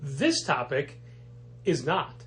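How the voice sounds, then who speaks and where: A man's voice: a little high, huge pitch swings, slow, a bit bright. A man co-hosting a comic shop podcast, asking prompting questions and teasing his co-host. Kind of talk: casual chat.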